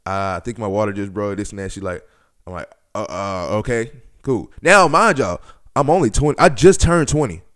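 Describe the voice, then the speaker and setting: A podcast host in his twenties, with a lowish voice and normal speed, tells stories casually. His retelling is animated, slangy and profane, and he acts out bits of dialogue as quotes.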